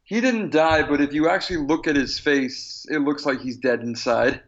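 A man with a fairly high voice chats casually as a podcast co-host, speaking at a moderate pace. The recording sounds slightly dull.

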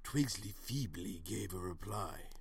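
A man narrating a scripted comedic story in a deadpan, often hushed way, close to the mic. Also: low voice, a little slow, vocal fry, slightly rough, no room sound.

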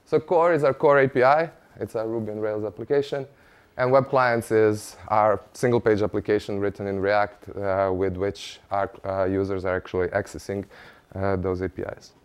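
Smooth-voiced man giving a tech talk. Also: on the low side, steady tone, normal speed. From Croatia. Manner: conversational, light humor, frequent "uh" fillers. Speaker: conference speaker, engineering manager. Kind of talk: conference presentation. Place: conference stage before an audience.

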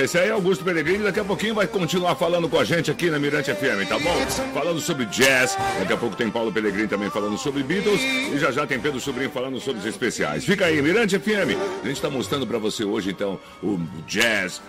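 A man's voice: mid-range voice, sing-song, a little fast, hardly any pauses. Male radio presenter, chatty and upbeat, music bed behind. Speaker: radio host.

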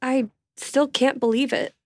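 A woman's voice: high voice, steady tone, unhurried, no room sound, clean studio sound. A woman playing a lovesick, heartbroken young woman who is pining for her ex in a comedy audio drama. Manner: moping, earnest.

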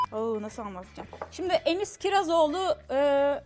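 High-voiced woman host giving teasing clues. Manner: teasing, quick to turn down wrong guesses. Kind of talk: casual chat, giving clues in a guessing game.

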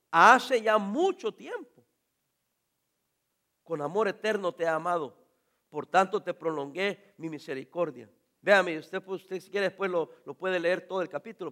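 A male pastor delivering a sermon with a strikingly high voice. He speaks straight to his congregation, firing questions at them and now and then breaking into loud shouts. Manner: animated preaching, addresses congregation directly, sudden shouts.

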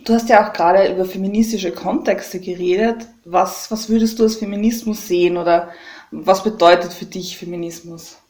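A woman's voice: on the low side, fairly even intonation, normal speed, a little mellow. A young woman with an Austrian German accent who hosts the podcast and asks questions in a casual, hesitant way with many fillers. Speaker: podcast host. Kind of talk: podcast interview.

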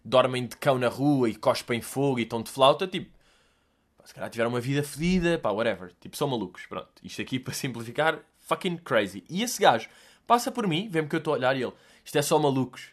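A man's voice: medium pitch, lively intonation, quick pace. A young man with a Lisbon Portuguese accent, telling a rambling comic story as a podcast host, slangy and sweary, acting out bits. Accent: European Portuguese, Lisbon. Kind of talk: casual comedic monologue.

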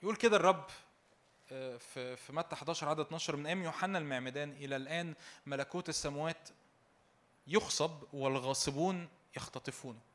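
A man's voice: on the high side, fast, a bit bright. A young man preaching a sermon with an Egyptian Arabic accent, fervent and repetitive, raising his voice in exhortation and slipping in joking asides.

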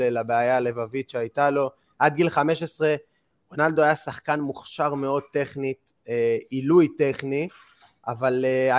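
Animated man telling stories on a podcast. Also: medium pitch. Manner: animated storyteller, many "uh" fillers. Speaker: podcast co-host. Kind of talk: casual storytelling chat.

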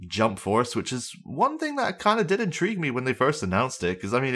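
A man's voice: sits low, a bit bright. A young man hosting a podcast alone, chatting casually and rambling with lots of fillers and self-deprecating asides. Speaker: podcast host. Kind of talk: casual solo podcast chat about games.

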